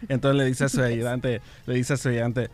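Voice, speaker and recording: A man's voice: mid-range voice, flat delivery, a little fast, darkish tone. Hesitant man from Guatemala telling a joke. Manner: hesitant, restarts often. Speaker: radio show guest joke-teller.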